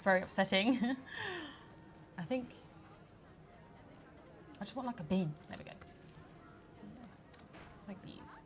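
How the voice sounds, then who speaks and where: A woman's voice: mid-range voice, expressive, slow pace, pauses often, background noise. Chatty woman playing a game. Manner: chatty, laughs often, mock-outraged at park guests. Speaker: community manager streaming a game. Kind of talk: casual let's play commentary.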